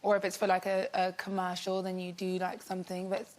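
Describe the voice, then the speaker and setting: A woman's voice: lowish voice, monotone, fast talker, a little mellow. Chatty woman telling an anecdote. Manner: chatty, storytelling, full of "like". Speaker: talk show guest. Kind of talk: casual anecdote.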